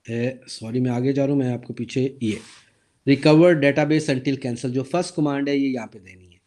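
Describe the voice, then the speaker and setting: A man lecturing on databases with a sore throat and an occasional cough, explaining step by step, asking the class questions and reading slide text aloud slowly. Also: mid-range voice, fairly even intonation, mellow. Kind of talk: recorded lecture over slides.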